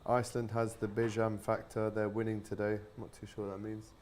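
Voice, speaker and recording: Low-voiced man hosting a live stream. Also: completely flat delivery, fairly quick, a little mellow. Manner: reads viewer comments aloud, casual. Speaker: live stream host reading chat. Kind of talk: casual live watch-along.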